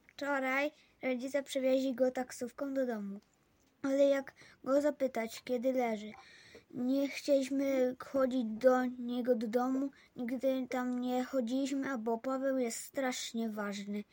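A woman reading a children's story aloud in a clear, steady way. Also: high-pitched, measured pace, dry recording. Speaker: reader.

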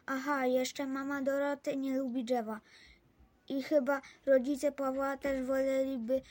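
A woman reading a children's story aloud in a clear, steady way. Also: sits high, unhurried, no echo. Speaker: reader.

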